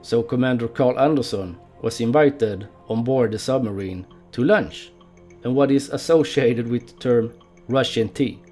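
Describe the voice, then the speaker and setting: A man's voice: medium pitch, measured pace, darkish tone, faint music behind. A man narrating a history documentary, telling the story in an amused way and laughing now and then.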